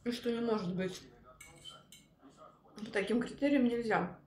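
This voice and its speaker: A woman's voice: fairly high pitch, measured pace, a little mellow. Woman talking through a mouthful of food, musing aloud, roomy sound. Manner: musing, rambling in short fragments. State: mouth full, chewing. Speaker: mukbang vlogger. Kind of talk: casual chat while eating.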